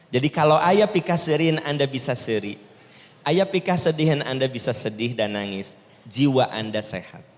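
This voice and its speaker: A man preaching a sermon with a Sundanese accent, lively, sometimes jumping into high mimicking voices. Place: large mosque hall. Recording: long reverb of mosque hall.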